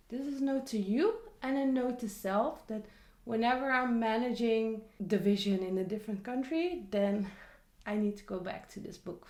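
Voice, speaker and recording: A young Dutch vlogger with a slightly high voice and vocal fry chats casually on camera about a book she read. She adds lots of asides, and the room sounds echoey.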